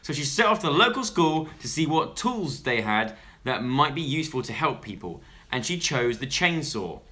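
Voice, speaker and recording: Young man, comic co-host, animated and bright. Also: mid-range voice, normal speed. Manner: excitable, jokey, reads viewer messages. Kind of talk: casual comedic chat.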